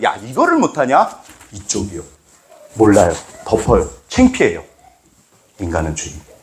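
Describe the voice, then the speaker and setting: Animated male pastor preaching in echoey church. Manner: animated preaching, acts out dialogue with sudden pitch jumps. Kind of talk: sermon. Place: church sanctuary.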